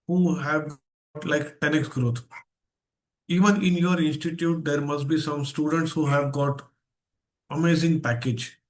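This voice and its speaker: The recording is rough, and the man's voice is on the high side. He's a guest trainer with an Indian accent leading an interactive online video seminar, emphasizing key phrases and asking his audience questions.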